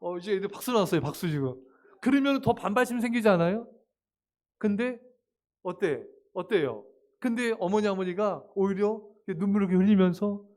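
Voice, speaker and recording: A man pastor giving a lively, chatty sermon to teenagers, often asking them questions. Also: sits high. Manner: lively and chatty, asks the young listeners questions; acts out short voices in passing. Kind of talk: sermon to youth. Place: church service.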